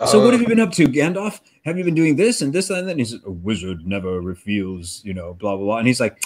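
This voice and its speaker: A man's voice: medium pitch, fast. A man hosting a live stream, chatting casually and laughing as he tells stories. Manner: animated, laughing, storytelling with quoted voices. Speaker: comic creator host.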